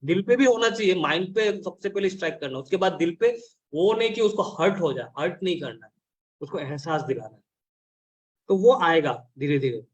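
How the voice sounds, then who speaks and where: High-voiced blunt man coaching a team. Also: lively intonation, brisk. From India. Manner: blunt, scolding, mixes Hindi and English. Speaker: business consultant and trainer. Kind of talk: training session talk.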